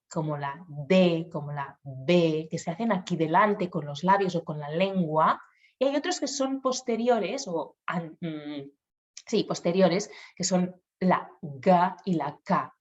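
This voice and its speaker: A woman's voice: mid-range voice, a little mellow, dull audio. A woman speech therapist patiently explaining children's speech sounds to parents, acting out the sounds aloud.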